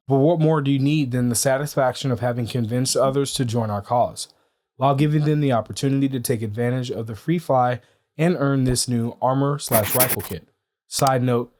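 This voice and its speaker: A man's voice: mid-range voice, a little mellow. A man hosting a scripted news show, with a nasal, congested voice. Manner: joking banter in outtakes. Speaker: news host.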